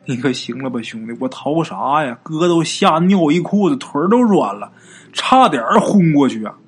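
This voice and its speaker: A man's voice: a little high, sing-song, moderate pace, husky. A man voicing a boastful middle-aged village man who talks in a coarse, folksy way. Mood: boastful, spooked. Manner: coarse, swaggering folksy talk.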